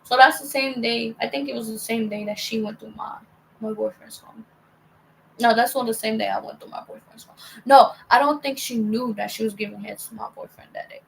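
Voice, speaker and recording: A woman's voice: fairly high pitch, fairly even intonation, fairly quick, creaky, slight background noise, low-quality recording. A young woman casually telling a personal story on a vlog, heated and profane, rambling with lots of fillers and restarts.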